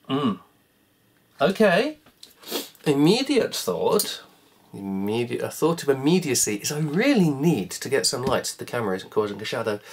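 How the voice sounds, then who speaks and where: Taking a cassette player to pieces at home, a croaky, medium-pitched hobbyist repair vlogger keeps up a rambling, self-deprecating commentary. A little hiss or hum sits in the recording.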